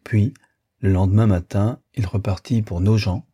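A man reads a classic novel aloud in an audiobook. His voice is strongly husky, dark and somewhat low, and he tells the story in a measured, even way. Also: no echo, studio quality. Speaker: audiobook narrator. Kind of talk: scripted narration of a classic novel.

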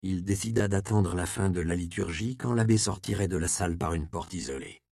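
A man narrating a historical novel in a steady, measured reading. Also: low-pitched, creaky, dry recording, clean studio sound. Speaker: audiobook narrator. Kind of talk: scripted narration.

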